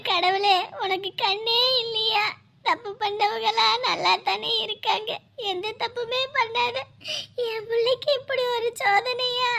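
A woman's voice: extremely high pitch, steady tone, a little slow, creaky, pushed and bright, exaggerated voice. An actress playing a middle-aged mother who weeps and laments over her son, pleading with the gods. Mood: lamenting. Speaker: grieving mother. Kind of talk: Tamil TV drama acting.

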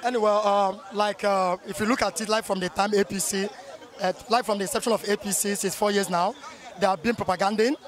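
Middle-aged man, street interview, very high voice, talks quickly, indignant questions into a handheld mic outdoors. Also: fairly even intonation, some chatter behind. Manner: rapid, indignant, rhetorical questioning. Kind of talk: street vox pop opinion. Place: busy city street outdoors. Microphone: handheld mic held by interviewer.

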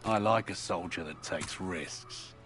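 A man's voice: low-pitched, measured pace, fairly bright tone, soft background music. An actor playing a commanding male army officer in a war video game, speaking with a Cockney accent in clipped orders.

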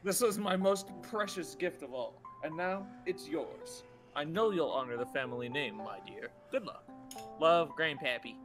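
A heartfelt letter from a young grandfather, read aloud by a man in his own voice. The reading is lively and rises and falls a lot, set a touch high, and game music plays clearly underneath. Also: normal speed, natural voice. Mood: earnest. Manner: reads the letter aloud casually, barely changing his voice.

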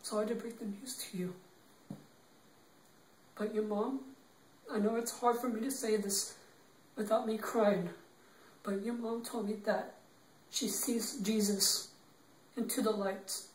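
An actor playing a young man who gently consoles his grieving girlfriend, speaking in a halting, tearful, repetitive way. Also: high-pitched, steady tone, slight background noise. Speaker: actor in an improv demo reel. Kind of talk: improvised dramatic monologue. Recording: roomy, distant from the mic.

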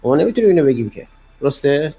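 Male caller, somewhat high voice, hesitant, filler-heavy casual talk. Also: very animated, dark tone, breathy edge, faint music behind.

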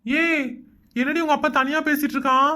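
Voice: high-pitched, steady tone, sharp tone. A voice actor doing an exasperated sarcastic husband. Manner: grumbling, sarcastic, quick complaints. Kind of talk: Tamil cartoon voice acting.

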